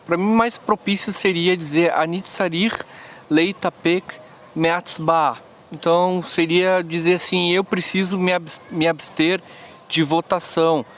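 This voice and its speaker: A man teaching verb conjugations in an app tutorial, explaining slowly with frequent restarts. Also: high voice, steady tone, a bit bright, a little hiss or hum. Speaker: language teacher. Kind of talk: screen-recorded app tutorial.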